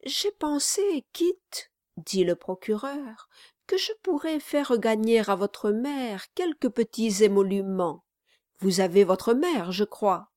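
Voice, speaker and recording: A woman's voice: on the high side, expressive, slow, darkish tone, no room sound, clean studio sound. A woman voicing an oily, scheming middle-aged male lawyer in an audiobook, speaking in a honeyed, falsely cheerful way. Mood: wheedling.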